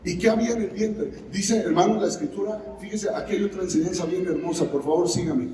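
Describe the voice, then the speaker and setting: Echoing preacher in a church hall. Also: male voice, high voice, quick pace, dark tone, slight background noise. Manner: call-and-response preaching, acting out scripture. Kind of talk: sermon. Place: church sanctuary. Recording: very echoey hall, mic far off.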